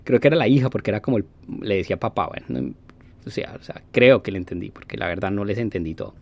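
A man telling a casual story, animated, acting out voices with playful sound effects. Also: on the low side, quick pace, gravelly.

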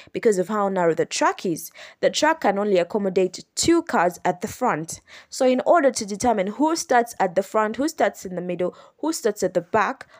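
A woman's voice: medium pitch, a little mellow. A woman in her young adult years hosts her own podcast, talking close to the mic in a mid-range voice. She walks listeners through each rule patiently and step by step, circling back to repeat and rephrase herself as she goes. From Uganda. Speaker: podcast host. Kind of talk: explanatory solo podcast.

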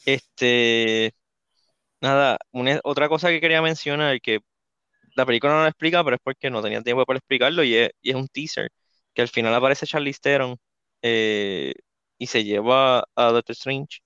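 A man's voice: medium pitch, moderate pace, pushed and bright, clean tone, no echo. A man on a podcast explaining comic book lore in detail during a casual movie chat. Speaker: podcast co-host. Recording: slightly dull, lo-fi mic.

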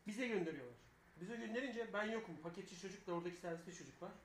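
Quick, high male radio co-host; rambling storyteller, crude; roomy recording, faint noise. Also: lively intonation. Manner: rambling storyteller, swears freely. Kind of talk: casual live radio banter.

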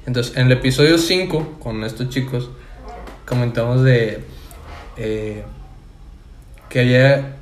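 A young man speaks Spanish with a Mexican accent in relaxed podcast banter. He talks loosely, piling up slang and trailing off mid-word before starting again. His voice sits at an ordinary pitch for a man, and the room around him sounds echoey. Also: unhurried, long pauses, a little hiss or hum. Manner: slangy, laid-back, stumbling restarts. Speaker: podcast co-host. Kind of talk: casual chat.

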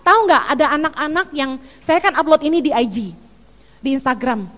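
A middle-aged woman pastor preaching an animated sermon, acting out the voices she quotes. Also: sits high, fairly quick, big-room sound.

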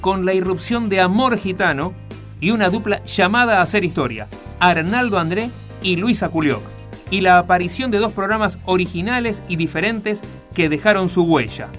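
A man's voice: high voice, normal speed, a bit bright, faint music behind. A man with an Argentine accent reading a scripted retrospective narration. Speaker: documentary narrator. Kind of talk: scripted narration of a year in review.

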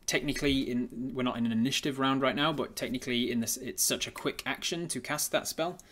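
A man narrating a tabletop game as game master, improvising haltingly and repeating words as he thinks aloud. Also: mid-range voice, a bit bright.

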